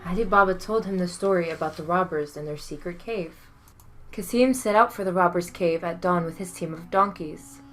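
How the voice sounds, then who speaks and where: A woman reading a folktale aloud in a measured, expressive storytelling manner. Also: on the low side.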